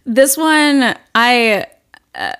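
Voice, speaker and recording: A woman's voice: on the high side, big pitch swings, very slow, fairly bright tone, clear, resonant tone. A woman marketing consultant who runs her own business, speaking in a candid, chatty way full of "like" and restarts as a podcast guest. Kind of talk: casual podcast interview.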